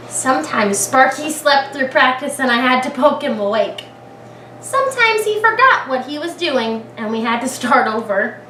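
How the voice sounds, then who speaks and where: Reading a picture book to little ones, a kindergarten teacher speaks in a high, very lively voice, stretching the story with dramatic pauses and voicing her thoughts for the kids. The room echoes, the mic is far away, and background noise comes through clearly.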